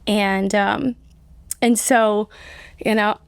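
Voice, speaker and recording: Guest: woman, 30s, from Colombia, chatty with constant fillers, mid pitch, dry close mic. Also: steady tone, extremely slow, gravelly, clear, resonant tone, no echo. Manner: chatty, many "like" fillers, laughs often. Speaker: nonprofit CEO, guest. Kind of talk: casual interview conversation.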